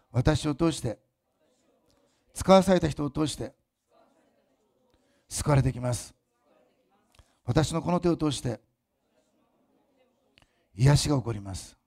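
A male preacher leads his congregation in a fervent sermon. His voice sits a little high with a rough, gravelly texture. He swings between loud emphatic declarations and hushed, close asides. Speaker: pastor.

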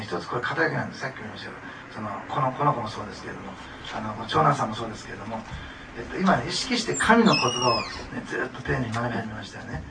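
Lively gravelly pastor preaching. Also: male voice, mid-range voice. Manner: lively, conversational, laughs often, asks the audience questions. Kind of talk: sermon. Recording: distant mic with clear background noise.

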